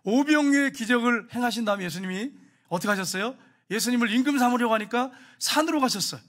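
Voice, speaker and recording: A male pastor preaching a sermon, telling stories in an animated way and speaking directly to his congregation. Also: very high-pitched, fast talker. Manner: animated storytelling, addressing the congregation.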